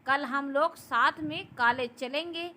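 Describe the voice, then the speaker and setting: A woman voicing Mahi, a cheerful and caring young daughter-in-law who speaks gently and politely. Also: sits high, unhurried. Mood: gentle.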